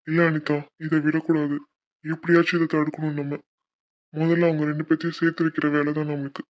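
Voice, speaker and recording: A woman's voice: deep voice, little pitch movement, fairly quick, a little mellow, lo-fi sound, close to an everyday voice. A woman voicing a level-headed young male college friend who reasons and soothes. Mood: earnest.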